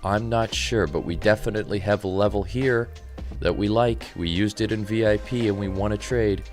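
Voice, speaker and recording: A man hosting a live trading stream, talking in a calm, soft, relaxed radio-DJ manner and sounding a little tired. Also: lowish voice, moderate pace, soft background music. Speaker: trading livestream host. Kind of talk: live market commentary reading chat.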